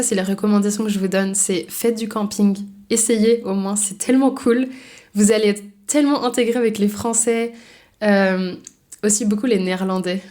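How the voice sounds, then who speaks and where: A young woman from Brittany talks casually to her audience, the way a French teacher would in a vlog. Her voice sits in a mid register, and she sounds chatty and gently enthusiastic, with occasional fillers. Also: mid-range voice. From France (Brittany). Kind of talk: casual chat to camera.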